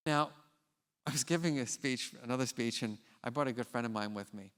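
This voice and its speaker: Male keynote speaker, mid pitch, animated and casual, recorded in a theater with long reverb. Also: brisk. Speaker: scientist. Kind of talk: conference keynote with storytelling. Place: large theater stage.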